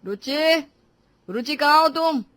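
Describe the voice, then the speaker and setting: A voice actor playing a sulky, quick-tempered young husband who complains sarcastically. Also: medium pitch, a bit bright, natural voice. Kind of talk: Hindi cartoon voice acting.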